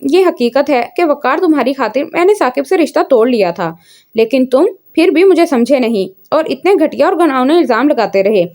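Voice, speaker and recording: A woman's voice: high voice, expressive, a little fast, darkish tone. A woman reading a proud, fiery young heroine. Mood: indignant. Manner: indignant, fiery.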